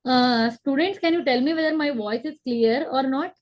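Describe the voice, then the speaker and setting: Teaching biology over a video call from home, a young woman speaks into her laptop webcam in a fairly high voice. Her lecture moves slowly step by step, with key words repeated and frequent checks that the students are following.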